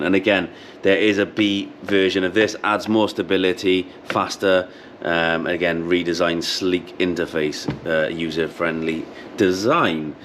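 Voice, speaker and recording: His voice is low but fairly bright in tone. In an indoor showroom lined with an intercom display wall, this man in his thirties demonstrates a product casually, explaining how it works and going back over the key points. The background is clearly noisy.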